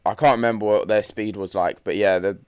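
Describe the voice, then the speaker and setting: A man's voice: lowish voice, steady tone, a little fast, darkish tone, clear, resonant tone, no room sound. A young man chatting casually on a podcast, using slang, laughing easily and trailing off mid-sentence. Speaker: podcast co-host. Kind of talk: casual chat.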